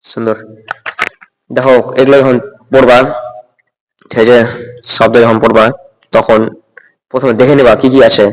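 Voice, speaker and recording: A man's voice: medium pitch, level tone, long reverb tail, rough recording. A man teaching Quran reading, spelling out letters and vowel marks one by one and checking with the learner again and again. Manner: spells out Arabic letters and vowel marks slowly, then drawn-out recitation; patient, checks understanding with repeated "okay?".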